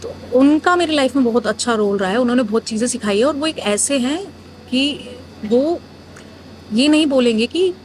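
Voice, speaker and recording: A woman's voice: high-pitched, lively intonation, moderate pace, noisy background. A young woman from northern India, a muralist, telling her story frankly in a casual interview, mixing Hindi with English. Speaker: muralist guest.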